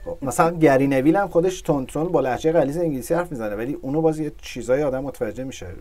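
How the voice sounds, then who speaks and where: A man hosting a podcast, chatting casually about football with animated storytelling and frequent laughs. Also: fairly high pitch. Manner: animated storytelling, laughs at his own remarks. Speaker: podcast host.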